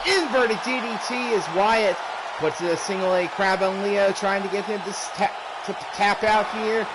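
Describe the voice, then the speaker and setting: A man doing excited play-by-play as a wrestling commentator, exclaiming and often shouting out the moves. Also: high voice. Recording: clearly noisy background.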